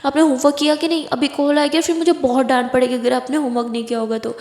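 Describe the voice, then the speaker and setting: A woman's voice: high voice, little pitch movement, fast talker, darkish tone. A woman voicing a loving mother who pleads with and soothes her stubborn daughter in a spoken story. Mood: coaxing. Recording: echoey room with long reverb.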